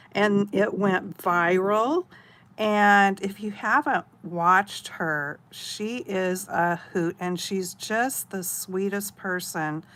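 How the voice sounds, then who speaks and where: Hosting a live craft stream, this middle-aged Oregon woman rambles in casual conversation with viewers and giggles frequently. Her voice is mid-range and fairly bright, with slight background noise.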